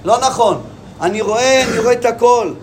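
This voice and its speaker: A man's voice: extremely high pitch, slight background noise. A man doing a taunting ruler of Egypt. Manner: taunting, needling questions. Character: mocking, all-knowing male ruler of Egypt.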